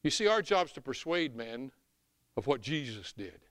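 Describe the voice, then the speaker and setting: A middle-aged or older man with a Southern US accent preaching an animated sermon in an emphatic, folksy way. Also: medium pitch, normal speed, dry recording, studio quality. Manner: emphatic, folksy, swinging from hushed asides to shouts. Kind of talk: animated sermon with scripture reading.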